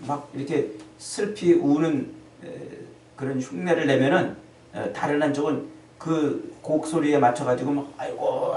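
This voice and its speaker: Korean pastor preaching in an echoey hall. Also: male voice, medium pitch, slight background noise. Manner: animated preaching, acts out quoted voices. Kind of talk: sermon. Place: church sanctuary. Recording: echoey church hall, distant mic.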